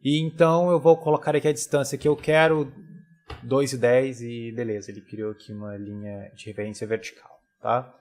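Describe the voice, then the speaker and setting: A man, teaching a software tutorial over a screen recording in a relaxed, casual way full of tag questions. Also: mid-range voice, moderate pace.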